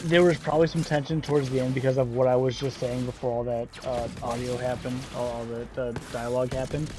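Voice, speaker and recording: Rambling frustrated gaming host. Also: male voice, medium pitch, level tone, quick pace, background noise. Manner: frustrated, rambling, frequent sighs. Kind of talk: casual game commentary.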